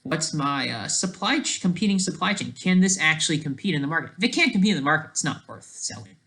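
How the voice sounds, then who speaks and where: Someone rambles through off-the-cuff commentary, halting and sarcastic, restarting mid-thought and often tacking on a questioning tag to check in. The voice is mid-range, with lively intonation and a sharp tone.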